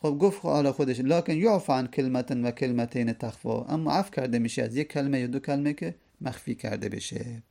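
A man teaching a lesson, who reads classical verses slowly and then explains them at length. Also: mid-range voice, creaky, warm tone. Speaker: teacher of hadith studies.

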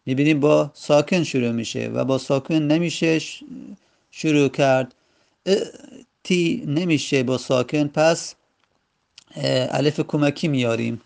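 A man with a gravelly, slightly high voice teaches a grammar lesson. He works through each rule step by step and pauses between short phrases. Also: a little mellow. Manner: methodical, explains step by step with pauses.

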